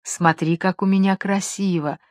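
A woman voicing a sly, seductive mermaid who speaks gently and coaxingly. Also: fairly low pitch, expressive, unhurried, dry recording, studio quality. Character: seductive sly female mermaid, soft-spoken.

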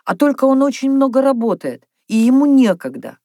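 A woman reading a storybook plays a shy, bookish young girl who speaks softly and timidly. Her voice sits well above the reader's own. The recording is dry and close. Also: high voice, sing-song, fairly quick, dry recording, pitched above the performer's own voice. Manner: timid, soft-spoken.

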